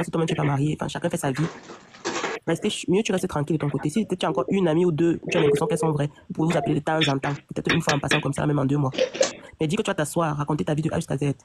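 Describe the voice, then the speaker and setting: A woman telling a personal story in casual chat, rambling and restarting her sentences often. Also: low-pitched. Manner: rambling, many restarts and repeats. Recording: noisy online audio.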